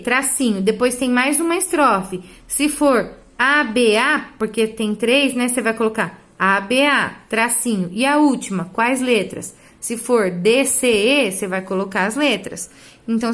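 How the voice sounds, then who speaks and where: A teacher with a slightly high voice walks her class through the material one step at a time. She keeps checking that the students follow her, with little tag questions as she goes. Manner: explains step by step with frequent checks like "tá?" and "né?". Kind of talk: online class lesson.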